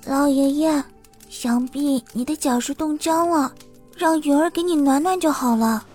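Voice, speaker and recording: A man voicing a sweet, caring little girl in an audiobook, with a soft, high childlike voice. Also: unhurried, faint music behind. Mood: gentle. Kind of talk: audiobook character voice.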